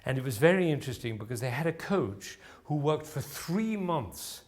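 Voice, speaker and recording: In a room with an audience present, a man gives a voice masterclass, coaching a singer live. He encourages, explains as he goes, and demonstrates sounds and phrases. His fairly high voice is sing-song and darkish in tone, at normal speed.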